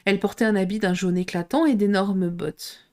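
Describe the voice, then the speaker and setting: A woman reading a classic storybook aloud in a steady, clear storytelling manner. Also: mid-range voice, normal speed. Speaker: reader.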